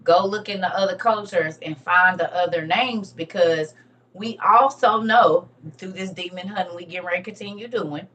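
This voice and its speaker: A woman's voice: on the low side, moderate pace, a bit bright, distant mic, dull audio, slight background noise. Emphatic woman teaching, a bit off-mic. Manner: emphatic, repetitive, teaching as she reads. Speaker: online teacher on religion and history. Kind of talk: casual lecture to viewers.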